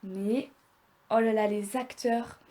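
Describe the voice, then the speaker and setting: A woman's voice: medium pitch, fairly even intonation, slow pace, dark tone. A young woman talking casually to viewers in a review vlog, chatty and rambling as she goes. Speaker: video creator.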